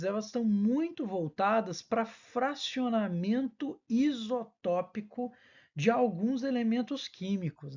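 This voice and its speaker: A woman's voice: medium pitch, mellow. Woman explaining soil chemistry, lo-fi. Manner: didactic, explanatory with frequent self-corrections. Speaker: university lecturer. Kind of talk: recorded lecture.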